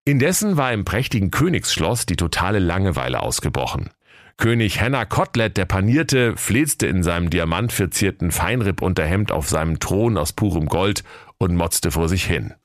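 A man's voice: sits low, very animated, moderate pace, dry recording, clean studio sound. A man with a Northern German accent narrating a comic fairy tale in a playful, mock-solemn manner. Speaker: storyteller.

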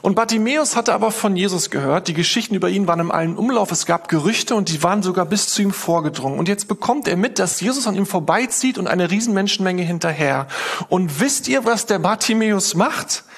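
Male pastor, husky voice, animated sermon storyteller. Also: high-pitched. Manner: lively storytelling, acting out quoted prayers and voices.

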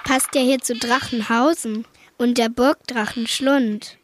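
A woman's voice: fairly high pitch, steady tone, measured pace, a little hiss or hum, lightly acted. A girl playing a cheeky, joking triplet in a children's radio play. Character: wisecracking triplet kid.

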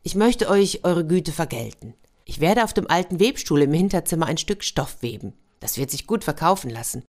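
A kind young crane-maiden from a storybook, soft-spoken and earnest, as a woman reads her part. Her voice sits low and calm. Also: moderate pace, heavily acted.

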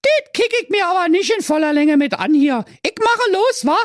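A man's voice: extremely high pitch, big pitch swings, normal speed, dry recording, clean studio sound, voice pushed up. A man voicing a cocky, streetwise youngest goat kid with a Berlin accent.

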